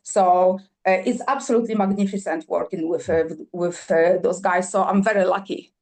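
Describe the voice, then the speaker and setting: Her voice is on the low side, steady and slightly mellow: a Polish woman, a singer-songwriter, giving a podcast interview. Polish is her first language, and she chats with enthusiasm while halting through lots of fillers, repeats and restarts.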